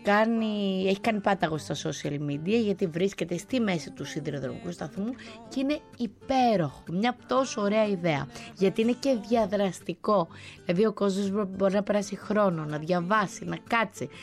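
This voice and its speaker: A woman radio host talking casually in a conversational way, pausing on fillers and restarting words as she goes. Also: medium pitch. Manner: conversational, with frequent hesitations and restarts. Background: faint music.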